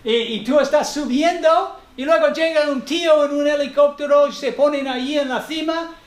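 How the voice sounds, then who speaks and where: A man preaching a sermon in a conversational, animated way, often checking in with "ok?" and sometimes searching for words. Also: very high voice. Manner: searches for words in Spanish, with halting restarts. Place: church hall. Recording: echoey church room.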